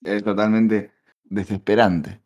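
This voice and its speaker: A man with a Rioplatense accent talks in a lowish voice, teasing his co-host and cursing freely. The tone is loose, casual podcast banter. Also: fairly even intonation, slow, darkish tone, highs cut off. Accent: Rioplatense Spanish. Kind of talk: casual chat.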